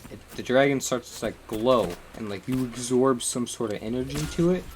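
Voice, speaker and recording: A man's voice: mid-range voice, normal speed, a little hiss or hum. A man chatting casually on a live stream, rambling and swearing as he recaps a game, laughing often.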